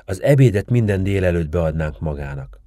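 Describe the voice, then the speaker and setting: A man's voice: deep voice, expressive, mellow, no echo, studio quality. Figure: man doing a worried old village man. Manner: grave, pleading.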